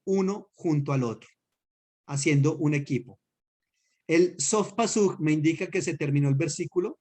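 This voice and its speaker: Patient pastor teaching a class. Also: male voice, on the high side, a little mellow. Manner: patient, explains slowly with spoken examples and checks understanding. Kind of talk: teaching a class on Hebrew accents.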